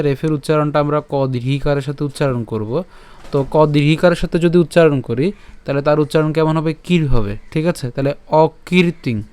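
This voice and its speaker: A man teaching Sanskrit verse pronunciation, breaking words into syllables, repeating them slowly and often asking whether listeners follow. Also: a little high, a little mellow, clean tone, dry recording. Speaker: Gita recitation teacher. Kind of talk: pronunciation lesson.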